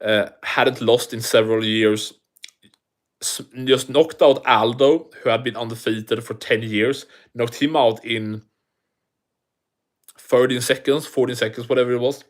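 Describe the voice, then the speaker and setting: A man with a heavy non-native accent, speaking in a steady, unhurried medium-pitched voice, hosts a laid-back livestream. He swears and rambles while responding to viewer comments, frequently restarting.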